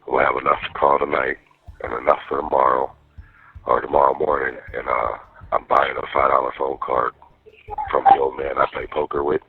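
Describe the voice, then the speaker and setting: A man's voice: very deep voice, flat delivery, normal speed, husky, no room sound. A man chatting casually on a prison phone, telling things in streetwise, profane slang over a muffled call. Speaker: jail inmate calling partner. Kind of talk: casual private phone chat from jail.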